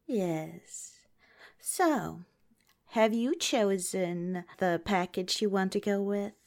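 A woman's voice: medium pitch, very slow. A woman in an ASMR roleplay as a fawning makeup artist who calls the listener darling and honey, slipping at times into whispers. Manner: soft-spoken, slips into whispers.

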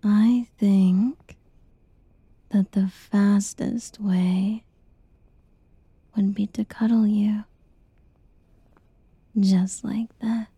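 A woman whispering a tender, reassuring girlfriend roleplay in a soft, soothing ASMR style. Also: mid-range voice, fairly even intonation, very slow, pauses often, breathy edge, dry recording.

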